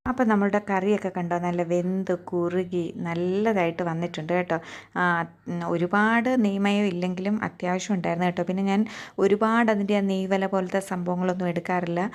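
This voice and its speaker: A woman's voice: on the low side, fairly even intonation, normal speed, faint music behind. Chatty young woman with a Keralite accent. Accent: Keralite Malayalam. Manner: chatty, tags many sentences with a friendly aside, asks viewers to share. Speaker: cooking vlogger. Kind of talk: conversational voice-over narration. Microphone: voice-over recorded separately.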